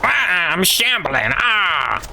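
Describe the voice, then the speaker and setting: A man's voice: high voice, sing-song, takes it slowly, creaky, noisy background, pitched above the performer's own voice, heavily acted. A man voicing an old-timey American cartoon villain as a shambling zombie, in a theatrical manner. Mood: hammy menace.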